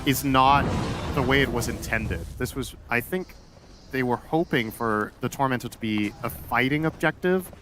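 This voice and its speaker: A man's voice: medium pitch, normal speed, over music. Analytical male esports color commentator. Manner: analytical, hedging, conversational.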